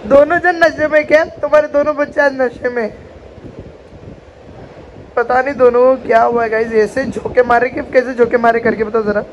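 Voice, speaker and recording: A woman's voice: fairly high pitch, steady tone, normal speed, dull audio. A woman vlogging from home in a playful, giggly way. She teases and jokes with the camera. A faint hum of household noise sits behind her. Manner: teasing, giggly, talks to viewers. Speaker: vlogger, co-host. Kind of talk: casual home vlog chat. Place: home, indoors.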